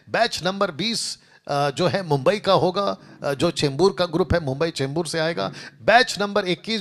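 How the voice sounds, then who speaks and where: Man, pastor, talks to a seated group, lists items again and again, slightly high voice. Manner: speaks to a seated group and a livestream audience, repetitive lists. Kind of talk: church announcements and sermon.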